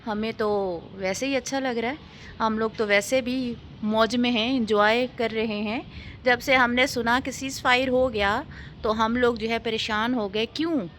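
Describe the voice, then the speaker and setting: Young Pakistani-accented woman, vlog host, teasing and sarcastic, high bright voice, faint ambience behind. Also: steady tone, unhurried, slight background noise. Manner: mocking, sarcastic, teasing banter. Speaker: vlogger. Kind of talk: casual chatty vlog.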